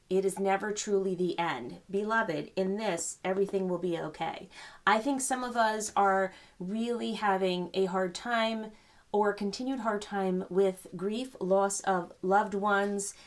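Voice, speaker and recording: An older woman giving a gentle, rambling spiritual card reading, full of fillers and reassurance. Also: medium pitch. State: choked up. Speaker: psychic reader.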